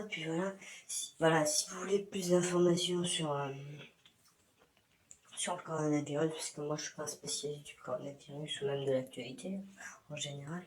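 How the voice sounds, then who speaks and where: This is a casual, rambling vlog: a male YouTuber talks openly to his community from his bathroom, hesitating often, his voice masked by a disguising filter. It comes across a little high, over a faint hiss or hum, and the recording is rough.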